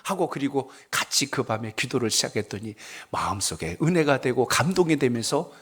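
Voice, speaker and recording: A man's voice: mid-range voice, animated, brisk, fairly bright tone, husky. A male pastor preaching a sermon at a prayer service, telling stories and asking the congregation questions. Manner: conversational storytelling, asks the congregation questions.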